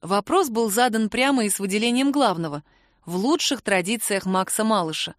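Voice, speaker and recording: A woman's voice: mid-range voice, expressive, normal speed, no echo. Woman narrating a romance audiobook. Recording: dry close studio sound.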